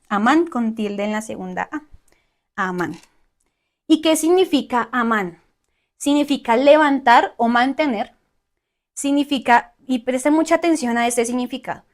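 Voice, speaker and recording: A woman teaching a Bible study, often checking in with her listeners and listing word meanings slowly. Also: fairly high pitch. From Colombia.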